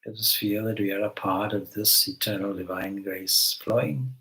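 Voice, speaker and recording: In a low-quality recording, a man with a fairly low voice and fairly even intonation guides a meditation as a spiritual teacher. He gives soft, gentle instructions, leaving long pauses between each phrase.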